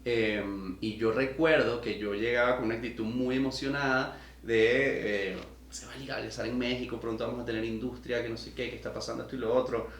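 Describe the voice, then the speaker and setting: A man's voice: medium pitch, fairly even intonation, brisk, hardly any pauses, roomy sound, slight background noise. A man from Venezuela hosting a podcast interview, talking in long, enthusiastic, rambling runs. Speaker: podcast host. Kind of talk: casual interview conversation.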